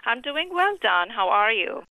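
A middle-aged woman from Syria, a physician and author, answering interview questions over the phone in a measured, earnest way. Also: fairly high pitch, big pitch swings, bright, forceful tone, dry recording. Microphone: telephone. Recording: tinny phone line.

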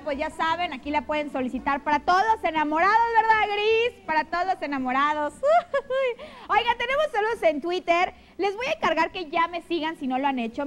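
High, chatty Mexican woman hosting TV. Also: fairly bright tone, slight background noise, low-quality recording. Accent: Mexican Spanish. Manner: chatty, affectionate, gushing with pet names. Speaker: TV show host. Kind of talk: live TV chat, reading viewer messages. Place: TV studio. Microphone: handheld microphone.

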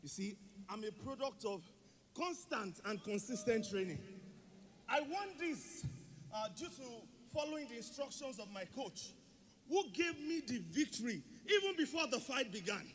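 A proud young boxing champion, as a man plays him, talking up his win with a lively, high voice that rises to a shout. The voice rings out in a hall with a long reverb. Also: moderate pace. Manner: proud, declaiming, rising to a shout.

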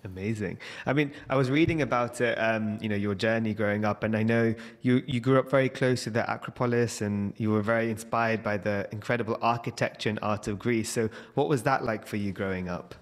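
A man's voice: on the low side, steady tone, fairly quick, few pauses. A young man hosts a podcast into a mic on a stand, speaking with enthusiasm in a mid-range voice. A long reverb trails behind his words, as if he were in a large, hard room. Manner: enthusiastic, scripted introduction. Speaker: podcast host. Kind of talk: podcast interview hosting. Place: indoor room, video call. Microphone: studio mic on stand.

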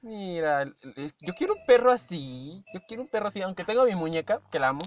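A young man with a Mexican accent chats playfully through a reaction video, his voice sitting high. He hums and imitates little tunes between comments. The audio is muffled and lo-fi, with faint music underneath. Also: sing-song, quick pace.

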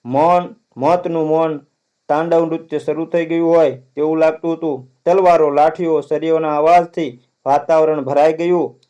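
A man reads a story aloud, his voice sitting a little higher than most men's yet soft and mellow in tone. He tells it earnestly and dramatically. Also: fairly even intonation, normal speed, clean tone, dull audio. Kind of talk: read-aloud story narration.

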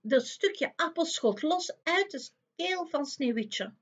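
A woman reading a fairy tale aloud for children in a slow, expressive way. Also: sits high. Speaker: storyteller.

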